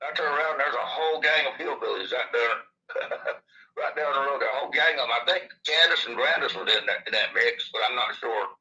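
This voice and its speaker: A man's voice: mid-range voice, fairly quick, sharp tone, highs cut off. A man with a lisp from missing upper teeth, telling his story in a casual, rambling way. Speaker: interviewee recounting his own experience.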